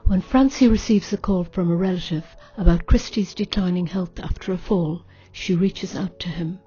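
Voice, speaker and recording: A woman's voice: fairly low pitch, moderate pace, mellow, slightly rough. A woman reading a scripted story summary as narration. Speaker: reader, writing group member. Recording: slightly dull sound, faint music.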